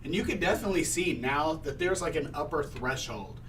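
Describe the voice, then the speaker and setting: A man's voice: on the high side, expressive, brisk, fairly bright tone. A man narrating a tabletop game casually as game master. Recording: distant mic with background noise.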